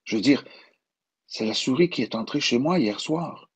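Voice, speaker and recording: A man voicing an excited, curious little boy with a Quebec French accent. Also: normal speed, slightly rough. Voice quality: high, eager voice.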